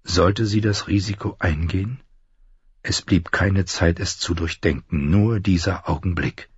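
A man narrating an audiobook in an expressive storytelling manner, doing all the voices. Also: low voice, unhurried, breathy edge, no echo, muffled recording. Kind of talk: scripted narration.

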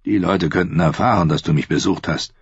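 A man's voice: deep voice, a little fast, slightly rough, dry recording, full character voice. A curt, weary knight read by a man. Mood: terse. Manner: curt and restrained. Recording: dull lo-fi, dry.

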